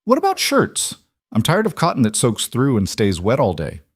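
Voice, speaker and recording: A man's voice: mid-range voice, huge pitch swings, normal speed, breathy edge, no echo, studio quality, pitched above the performer's own voice, heavily acted. A man voicing a fed-up young Scottish frontier miner with a Scottish accent. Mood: complaining.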